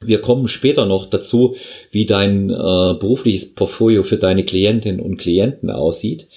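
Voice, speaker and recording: A man hosting a podcast interview, talking in a halting, affirming way as a fellow trainer. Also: lowish voice, creaky, darkish tone.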